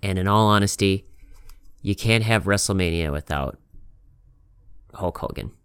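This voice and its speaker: A man's voice: deep voice, a little slow, a bit bright, smooth, dry recording. A man hosting a casual podcast chat. He talks in an emphatic, rambling way and swears a lot. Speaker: podcast host.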